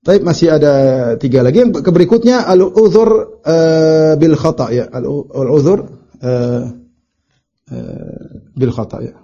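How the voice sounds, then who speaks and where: A middle-aged man preaching a religious study lecture, reciting Arabic and explaining it, with animated storytelling and acted-out quotes. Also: fairly high pitch, unhurried. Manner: animated storytelling, acts out quoted lines in raised voice. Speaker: Islamic preacher teaching a book. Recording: dull lo-fi lecture recording.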